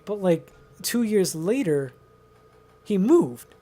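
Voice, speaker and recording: This young American video host has a high, sing-song voice with a dark tone and takes a slow pace. He tells a friend stories casually, rambling in slang and frequently repeating himself.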